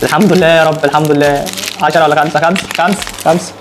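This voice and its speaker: An excitable man with an Egyptian Arabic accent rattles through a snack unboxing challenge at a fast clip. He repeats words in quick bursts. Wrappers crinkle and click clearly behind him. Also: fairly high pitch, background noise. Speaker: food challenge vlogger. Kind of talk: casual unboxing challenge chat.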